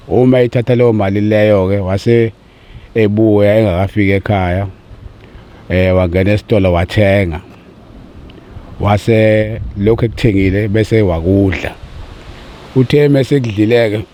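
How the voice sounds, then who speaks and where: Low-pitched South African man, Zulu accent. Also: mellow. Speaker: interviewee speaking for his family about an ill brother. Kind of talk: earnest personal account in conversation.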